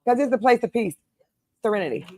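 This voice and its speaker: Host type: woman in her 50s, higher voice, emphatic and animated, dry close sound. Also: fast, no echo. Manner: animated, emphatic, laughs easily. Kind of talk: casual group chat.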